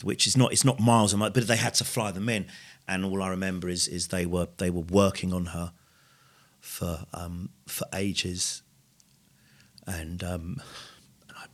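A middle-aged man, talking candidly on a podcast, halting and repeating himself, now and then swearing. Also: sits low. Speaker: podcast co-host sharing his story. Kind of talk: candid conversational podcast talk.

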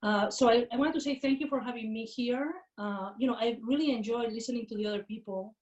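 A woman's voice: on the high side, dull audio. Woman on a distant video call. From Catalonia, Spain. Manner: warm, halting, with frequent fillers and repeats. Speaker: guest academic. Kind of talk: casual interview talk on a video call. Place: home in a rural area outside Barcelona, window open.

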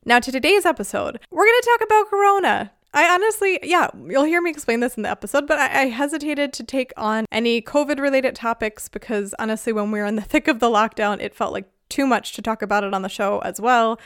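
A woman's voice: fairly high pitch, animated, fast, few pauses, a bit bright, clear, resonant tone, no echo, clean studio sound. A woman hosting a podcast, talking in a chatty, upbeat way and laughing easily. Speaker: podcast host. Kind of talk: casual podcast talk. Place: lives in Germany.

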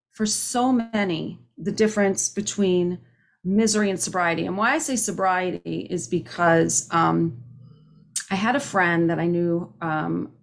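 A woman's voice: medium pitch, creaky. A woman in her fifties giving a personal share at a recovery meeting, earnest and conversational, often restarting her sentences. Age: 50s. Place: home, speaking on a video call. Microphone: video call microphone.

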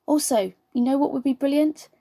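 A woman working as a live sign language interpreter, voicing a deaf speaker's words in the first person with a steady, measured delivery. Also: high-pitched, dry recording, clean studio sound.

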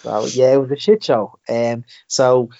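A man's voice: medium pitch, fairly even intonation, unhurried, mellow, no room sound, highs cut off. A man with an Irish Dublin accent co-hosting a podcast, telling stories in casual, sweary chat. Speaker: podcast co-host.

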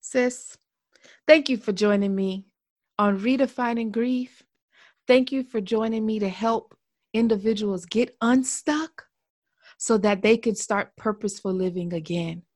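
A woman's voice: mid-range voice, unhurried. Woman hosting a faith-based interview. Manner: warm affirming, many soft mm-hmms. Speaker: podcast host.

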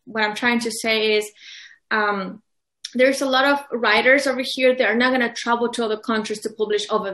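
A high-voiced woman with a fairly bright tone speaks in an echoey room. A Spanish speaker by first language, she's a publisher and author giving casual interview answers as a guest, earnest but hesitant, with many restarts and fillers.

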